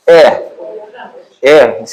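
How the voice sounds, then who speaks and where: Over a noisy crowd, a man with a mid-range voice and a Brazilian Portuguese accent drags out his words as he retells a film in an informal lecture. He's animated and colloquial, repeats fillers a lot, and the recording is low quality.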